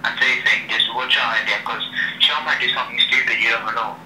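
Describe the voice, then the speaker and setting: The young man on this phone call speaks briskly at medium pitch with fairly even intonation. The phone speaker is held up in a room, so the recording is noisy and echoey. His talk is casual, slangy and repetitive, dotted with "yeah" and "innit" at sentence ends.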